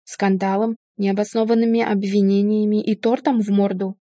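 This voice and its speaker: A woman's voice: mid-range voice, moderate pace, no room sound, clean studio sound, natural voice. A woman reading as a smug cheating husband. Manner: calm, condescending. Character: unfaithful husband, middle-aged man, smug and dismissive. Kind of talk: audiobook reading.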